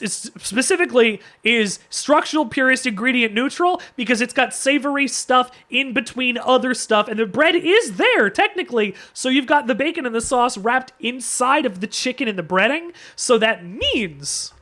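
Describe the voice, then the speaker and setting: A man's voice: extremely high pitch, pushed and bright. A man streaming live, ranting jokingly like a mock lecturer, with many stumbles and restarts. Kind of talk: casual chat.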